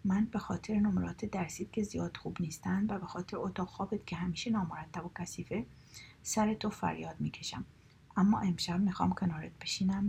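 A woman voicing a middle-aged company boss speaking tenderly to his son, in a husky, gravelly voice. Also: fairly low pitch, darkish tone, full character voice.

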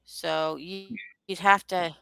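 A woman hosting a podcast talks in a casual, rambling way. Her voice sits a little low yet sounds bright and smooth. It is recorded close and dry, with no room sound. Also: steady tone, slow, dry recording, low-quality recording. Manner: chatty, rambling, loosely shaped sentences. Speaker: podcast host. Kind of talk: casual chat.

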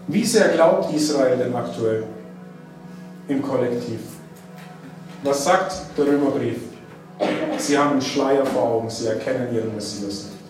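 Man, sermon, emphatic stresses, bright high voice, distant mic, roomy hall echo. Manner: emphatic, drawn-out stresses on key phrases. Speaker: preacher. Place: church hall.

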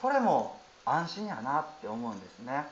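Kansai-accented Buddhist priest, male, 30s, soft storytelling dharma talk, roomy and a bit muffled. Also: medium pitch, huge pitch swings, normal speed, a little hiss or hum. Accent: Kansai Japanese. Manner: gentle, storytelling, many fillers. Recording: roomy, slightly dull audio.

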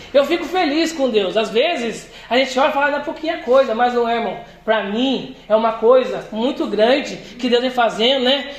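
High-voiced deacon preaching in church. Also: male voice. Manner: storytelling, laughing, rising to shouts. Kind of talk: sermon. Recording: echoey church room.

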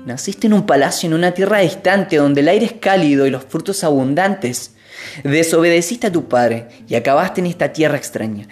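A storyteller voicing a calm, firm eldest brother who speaks earnestly. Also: mid-range voice, normal speed, soft background music, natural voice.

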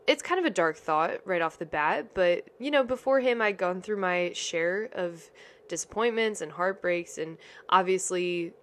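A woman's voice: on the low side, expressive, measured pace. Chatty young woman podcast host. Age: 20s. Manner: chatty, upbeat, lots of "like" and "you know". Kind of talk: casual storytelling podcast.

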